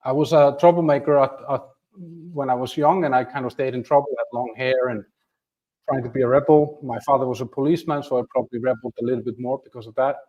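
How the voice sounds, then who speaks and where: He's a fast talker with a mellow, mid-range voice and fairly even intonation, heard in lo-fi sound. The man, an Icelandic channel host in his fifties, livestreams from a home room with a flag at his back, chatting casually, self-deprecating, with frequent restarts.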